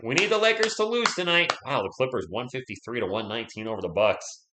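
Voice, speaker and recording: This Spurs fan's live-stream play-by-play comes fast, in a medium-pitched voice with lively intonation, though he's turning hoarse as his voice fails. He chats with viewers and reads their comments aloud between calls. The room echoes noticeably and there's heavy background noise.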